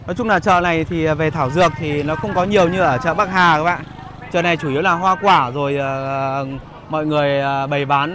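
Noisy ambience fills this busy outdoor market and street as a man narrates a walking tour for his vlog. His voice is a little high and fairly bright, and his casual commentary is hesitant as he searches for words.

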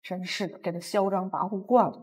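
A woman's voice: medium pitch, fairly quick, husky, lightly acted. A woman acting a factory boss in a short drama skit, challenging a rude supervisor. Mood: concerned. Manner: challenging, indignant questioning. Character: indignant female factory boss, stern.

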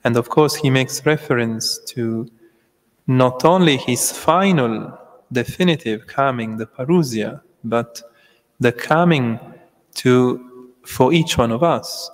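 Slow priest preaching at a pulpit microphone. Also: male voice, mid-range voice. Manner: slow, measured preaching with long pauses. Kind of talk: homily at Mass. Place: large church. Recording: long church reverb.

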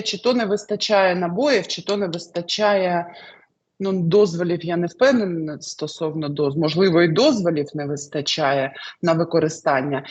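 A woman's voice: on the low side, slightly rough. A woman answering questions with predictions, hesitant and filler-heavy, often trailing off into loose lists. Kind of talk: casual spoken predictions.

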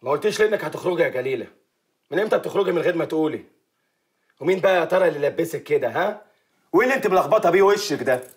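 Actor as a domineering Egyptian husband. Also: male voice, fairly high pitch, lively intonation, racing, close to an everyday voice. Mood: angry. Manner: stern, interrogating, shouting.

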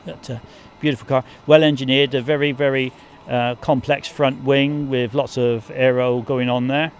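A man's voice: medium pitch, level tone, moderate pace. An older man interviewing a race driver outdoors in a paddock, talking in a chatty, friendly way with a handheld mic. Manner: chatty and friendly, with filler ums. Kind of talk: casual motorsport interview. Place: outdoors in a race paddock beside a team truck. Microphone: handheld mic with fluffy windshield. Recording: faint outdoor background noise.

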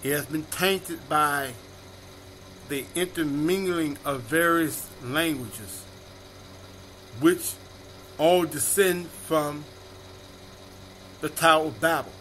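A male minister delivering a sermon, reading scripture aloud and repeating each verse reference slowly and deliberately. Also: on the high side, a bit bright.

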